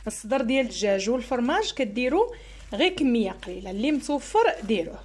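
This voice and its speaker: Brisk, chatty Moroccan woman cooking. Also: fairly high pitch, sing-song, a little mellow. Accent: Moroccan Arabic. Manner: chatty, explains each step while working. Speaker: cooking channel host. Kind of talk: cooking tutorial voice-over.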